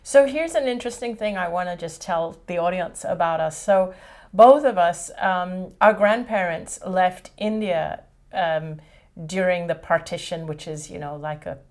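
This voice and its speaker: Hosting a casual indoor chat on a studio set with a painted brick wall, a middle-aged woman from Hong Kong talks easily, now and then searching for words and laughing readily. Her voice is lowish and unhurried.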